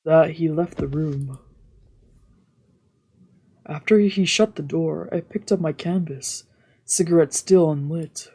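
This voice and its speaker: A soft-spoken, subdued woman streamer narrates a visual novel aloud during a let's play, in a deep, husky voice. She speaks slowly and pauses often, with game music playing in the background.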